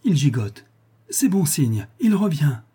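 Male reader playing a flustered old concierge lady, shrill and raised high, fussing endlessly, a husky edge under it. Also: moderate pace, dark tone. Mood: excited. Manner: shrill, fretful, fussing endearments. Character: fussy old woman concierge, excitable and doting.

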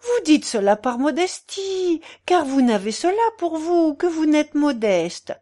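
A woman voicing a gossipy, meddling middle-aged concierge in a storybook reading, with a shrill, wheedling, theatrical manner. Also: big pitch swings, a little slow, warm tone. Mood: coaxing.

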